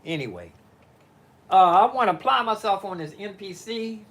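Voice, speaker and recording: A man's voice: high voice, very animated, moderate pace, sharp tone. An older man on a live stream from his living-room home studio, talking casually. He meanders and halts, thinking aloud with many fillers and restarts. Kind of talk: rambling live-stream chat.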